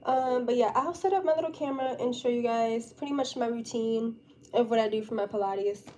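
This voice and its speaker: Casting: young female live streamer, higher-pitched and soft-edged, giggly casual chat, slight background noise. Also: a little fast. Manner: giggly, chatty, informal.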